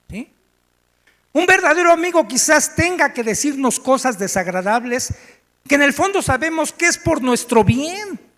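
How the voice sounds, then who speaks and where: High, bright-voiced Mexican preacher. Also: male voice. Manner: animated storytelling, asks the congregation. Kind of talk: sermon. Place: church meeting room. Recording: echoey church hall.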